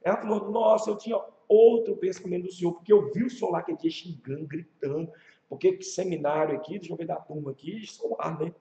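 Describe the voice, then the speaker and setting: A pastor with a Brazilian Portuguese accent teaches a leadership class in a church classroom, telling stories in a casual, animated way and asking rhetorical questions. He has a high voice and talks fast, and the room sounds echoey and muffled.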